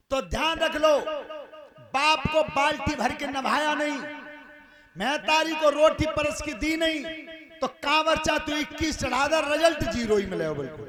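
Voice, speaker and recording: A man, preaching a live village sermon in a folksy, emphatic storytelling manner with repeated refrains. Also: extremely high pitch. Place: outdoor village gathering. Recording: live sermon with audible crowd.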